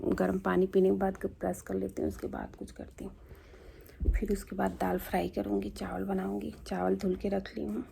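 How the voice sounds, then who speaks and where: A woman's voice: medium pitch, level tone, moderate pace, vocal fry, slight background noise. A woman vlogging her morning at home, chatting casually while she cooks and cleans in her kitchen and walks outdoors. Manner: chatty, walks viewers through chores; speaks softly at times so neighbours are not disturbed.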